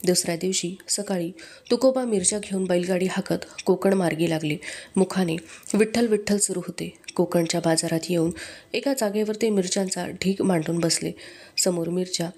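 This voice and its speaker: A woman reading a book aloud in a steady, measured narration. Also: fairly low pitch, breathy edge. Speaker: book reader.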